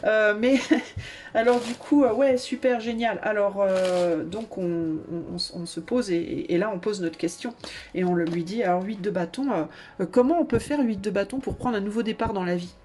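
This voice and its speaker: A woman's voice: medium pitch, normal speed, a little mellow. A woman doing a casual tarot reading, talking in a chatty, playful way with lots of fillers. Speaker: tarot reader. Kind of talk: casual channeled card reading.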